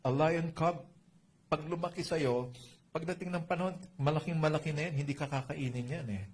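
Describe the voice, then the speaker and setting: A man's voice: on the high side, moderate pace, darkish tone. Middle-aged man, Filipino accent, pastor preaching, conversational and jokey, faint background noise. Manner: Taglish code-switching, conversational, asks "di ba?" often; jokey asides with laughter. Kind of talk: sermon.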